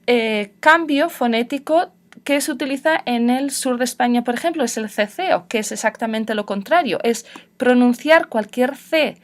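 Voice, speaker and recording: A young woman with a northern Spanish accent lectures a class on spelling rules. Her voice sits a little high and she explains patiently, spelling out one example word after another. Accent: northern Spain. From Spain. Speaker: Spanish teacher.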